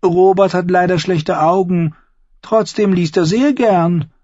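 Lysa, a shrill imperious aunt done by a man. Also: unhurried, warm tone, no room sound, lo-fi sound. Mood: scheming. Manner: high-pitched, scolding, vehement. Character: shrill, imperious aunt, a noblewoman, middle-aged and hateful.

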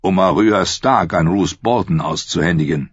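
Man reading as a cynical, mocking knight, deep and husky, dry sound. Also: moderate pace, no echo. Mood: sardonic. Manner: dry, sardonic. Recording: dry, slightly dull studio audio.

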